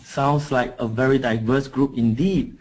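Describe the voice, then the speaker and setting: A man's voice: mid-range voice, fairly even intonation, a little slow, darkish tone. A man from Singapore, a coaching trainer, giving an online webinar through a computer mic, talking hesitantly with many fillers and restarts. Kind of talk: webinar presentation. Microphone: computer mic on an online call.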